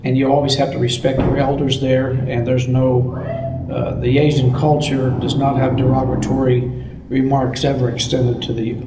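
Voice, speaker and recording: A man with an American accent giving halting, conversational answers in an interview as a missions director. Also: mid-range voice, flat delivery. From United States. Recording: roomy echo, distant mic, faint noise.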